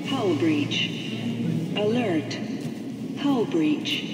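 A woman voicing a cold ship computer that is overheating and glitching as it calls out flat, slow warnings over an echoey loudspeaker. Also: lowish voice. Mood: alarmed warnings. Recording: far-off echoey loudspeaker with loud music.

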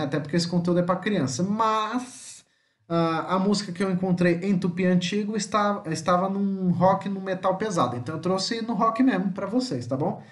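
A Brazilian man teaching an online language lesson, explaining slowly and spelling out and repeating example words. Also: on the high side, echoey room. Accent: Brazilian Portuguese.

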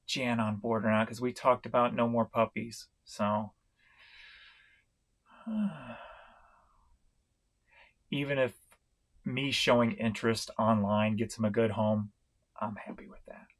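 A middle-aged man from St. Louis, Missouri, giving a casual vlog update on his online reselling, talking in a slow, rambling way with many fillers and restarts. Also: mid-range voice. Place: home room, indoors.

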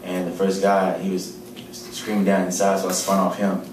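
A man answering questions after a game in a low-key, matter-of-fact way. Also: monotone, moderate pace, noisy background. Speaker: football player at a postgame press conference. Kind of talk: postgame press conference answers. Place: large press room. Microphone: table mic, heard from a distance. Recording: roomy, distant press room audio.

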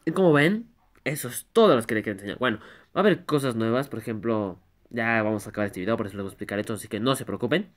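Excitable Mexican guy yelping in his bedroom. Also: lowish voice, very fast. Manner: excitable and silly, bursting into loud yelps. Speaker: YouTuber. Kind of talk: goofy vlog with phone face filters. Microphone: phone.

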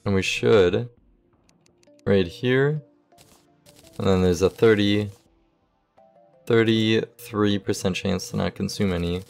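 A young man giving relaxed, casual commentary over his game, thinking aloud as he sorts items, with the hiccups. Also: on the low side, creaky. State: has the hiccups. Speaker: gaming YouTuber.

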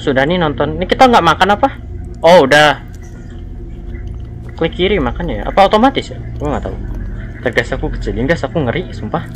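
Man, slightly high voice, nervous let's-play chatter, faint background hiss. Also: lively intonation, a little fast, long pauses, a bit bright. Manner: jumpy, nervous, reads on-screen text aloud. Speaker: gaming channel host. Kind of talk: horror let's-play commentary.

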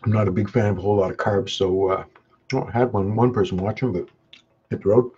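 His dark voice is fast and steady, with a breathy edge. The Canadian hot sauce vlogger is eating spicy pizza live on webcam, humming and chewing between short remarks as the peppers make him sweat. The webcam mic gives dull, low-fi sound with a faint noise.

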